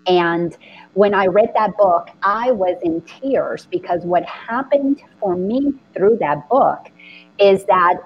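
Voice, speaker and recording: Husky earnest woman from the Dominican Republic. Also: medium pitch, muffled recording. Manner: earnest, animated storytelling. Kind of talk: spiritual conversation.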